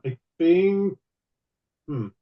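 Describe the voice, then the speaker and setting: A man running a tabletop game online as game master, explaining rules patiently with many pauses. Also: high-pitched, lively intonation, highs cut off.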